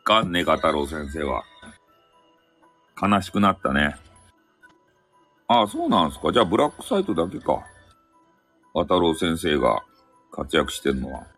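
A man's voice: extremely low pitch, very animated, normal speed, long pauses, a bit bright, husky, soft background music. A man speaking with a Hakata accent, chatting and joking loosely as a live-stream host, his throat slightly sore. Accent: Hakata dialect. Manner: chatty, joking, drifting between topics. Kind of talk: casual chat. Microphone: phone app stream mic.

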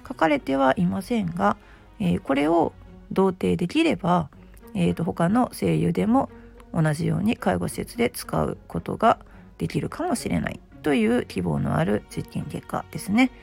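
A middle-aged woman with a very gravelly, just-woken hoarse voice, pitched on the low side. She hosts a casual solo talk with a chatty, self-deprecating manner. Faint music plays behind her. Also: expressive, normal speed, a little mellow. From Osaka, Japan. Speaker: host, aromatherapy shop presenter.

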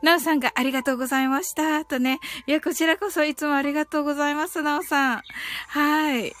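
Fast and steady, her high voice a bit bright, a woman runs an online live stream with a little hiss or hum in the background. She talks to her audience informally, reads listener comments, and mixes casual chat with a bilingual guided meditation.

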